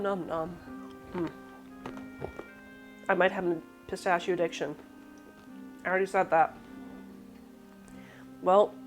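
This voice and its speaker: A woman hosting a casual live cooking demo, rambling and self-deprecating while snacking between steps. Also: on the low side. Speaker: cooking show host.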